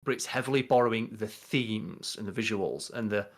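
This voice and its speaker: Speaking from his bedroom over a video call, a young podcast co-host rambles through casual movie chat, explaining things in a lowish voice at a moderate pace.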